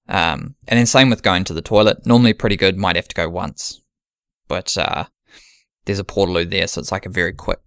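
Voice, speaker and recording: A man's voice: low-pitched, a bit bright, smooth, no echo, studio quality. A man in casual podcast chat, planning an ultramarathon and thinking aloud with many restarts.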